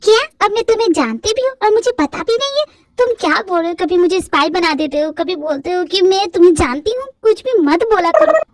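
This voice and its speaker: A flustered young writer protests in a quick, exasperated way, as a woman voices her in a fan dub. Her voice is very high. The recording is dry and close. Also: expressive, dry recording. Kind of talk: amateur fan dub acting.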